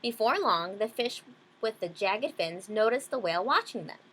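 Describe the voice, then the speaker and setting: A woman's voice: mid-range voice, expressive, normal speed, fairly bright tone, breathy edge. A woman reading a children's storybook aloud, adding simple explanations for young listeners. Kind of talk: children's picture-book reading with simple asides.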